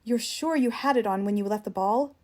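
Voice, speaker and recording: A woman's voice: fairly high pitch, brisk, darkish tone, close to an everyday voice. A woman with a standard American accent voicing a worried, practical husband in an audiobook, urgent and insistent. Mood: urgent questioning. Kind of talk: audiobook character dialogue.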